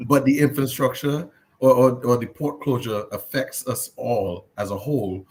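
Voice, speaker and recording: Presenting the news on a podcast he co-hosts, a man keeps things casual and laid-back, cracking jokes and dropping fillers. His mid-range voice stays steady at a normal speed.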